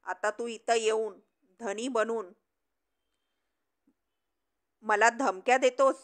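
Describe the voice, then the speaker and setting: A woman's voice: a little high, steady tone, measured pace, natural voice. A woman voicing a sneering, defiant man who was once master of the house, in a storybook reading. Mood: defiant, mocking.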